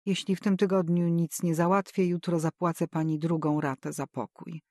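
A woman reading an audiobook, voicing a weary, guarded young woman who answers quietly and curtly. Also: fairly low pitch, level tone, moderate pace, no room sound, studio quality. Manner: quiet, curt, withdrawn.

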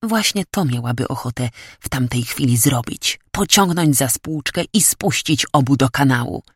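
A woman narrating an audiobook in measured, even storytelling. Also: very deep voice, breathy edge, dry recording, clean studio sound. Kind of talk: scripted narration.

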